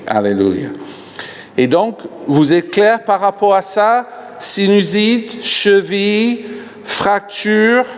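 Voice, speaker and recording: A man with an English accent speaking French as a guest minister at a healing service, joking and laughing often and calling on the crowd to raise hands. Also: on the high side. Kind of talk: animated healing-service preaching. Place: large church hall. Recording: long hall reverb.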